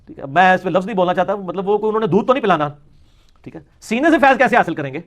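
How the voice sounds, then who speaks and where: Sarcastic high-voiced man, Punjabi-tinged Urdu. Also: animated. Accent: Punjabi-inflected Urdu. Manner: sarcastic, mimics opponents in quoted asides. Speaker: religious lecturer. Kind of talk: lecture.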